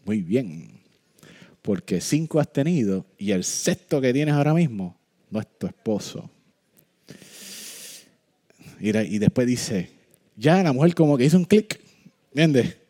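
A man preaching a sermon, joking and animated at times, then slowing into solemn, deliberate points. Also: medium pitch. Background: soft piano music.

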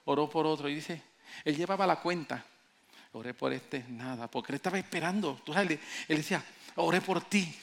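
A man's voice: a little high, fairly quick. A man preaching a sermon with passion, telling stories and acting out the people in them. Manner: impassioned preaching, rising to near shouts; acts out quoted voices in storytelling. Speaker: pastor.

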